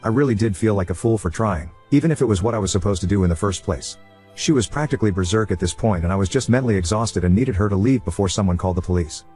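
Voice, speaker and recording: A man narrating online stories aloud in a brisk, steady delivery. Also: on the low side, faint music behind.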